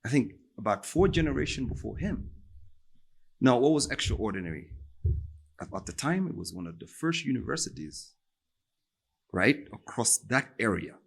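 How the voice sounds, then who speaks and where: A man talking as a podcast guest in casual conversation, animated and storytelling, often checking in with "right?" and "you know". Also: medium pitch, normal speed, creaky, long pauses, husky. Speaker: guest, software engineer.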